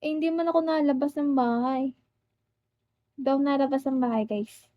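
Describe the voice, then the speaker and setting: A woman's voice: sits high, brisk, dull audio. A young woman with a Filipino accent chatting casually on a live stream and greeting viewers by name.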